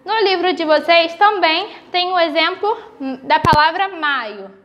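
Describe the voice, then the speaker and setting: A woman with a Brazilian Portuguese accent, teaching young children in a recorded video lesson, slowly stretching out the example words. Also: extremely high pitch, highs cut off. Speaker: primary school teacher.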